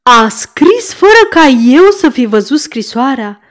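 A woman voicing an excited, boastful male police agent in an audiobook, with sharp interrupting exclamations. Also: sits high, pitched above the performer's own voice. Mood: impatient.

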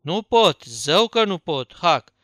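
A man reading the part of a nervous, mischievous young boy, speaking hushed and urgent, in an audiobook. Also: a little high, big pitch swings, no echo, clean studio sound. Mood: tense.

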